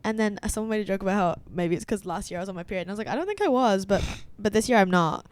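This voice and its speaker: A young woman co-hosting a podcast, telling animated stories in casual chat, full of "like"s and restarts. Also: mid-range voice, very fast. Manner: chatty, many "like"s and restarts, animated storytelling. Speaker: podcast co-host.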